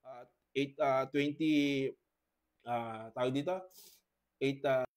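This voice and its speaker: A male pastor giving a debate presentation over a video call, halting often with tag questions and clearing his throat from a cough. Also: mid-range voice, steady tone.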